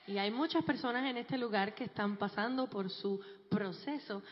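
Woman, church testimony, joking storyteller, booming hall echo. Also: moderate pace, a little hiss or hum. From Puerto Rico. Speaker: guest speaker giving a testimony. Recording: dull, echoey large hall.

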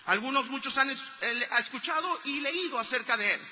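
A man's voice: very high voice, expressive, a little fast, long reverb tail, dull audio. A man preaching a sermon, telling a story earnestly and pressing his points to the congregation. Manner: earnest storytelling that builds to loud exhortation.

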